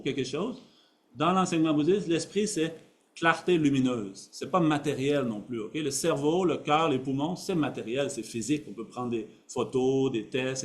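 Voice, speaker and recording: Man teaching Buddhism, often asking "ok?". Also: fairly high pitch. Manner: simple phrasing, asks "ok?" often to check understanding; builds his points from everyday examples, repeating key words. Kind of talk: dharma talk to an audience.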